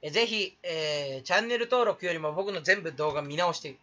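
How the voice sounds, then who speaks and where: A man's voice: on the high side, moderate pace, pushed and bright, dull audio. A young man rambling through a solo vlog, joking about himself and putting on a fake Kansai dialect. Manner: jokey, self-mocking, rambling. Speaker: YouTuber.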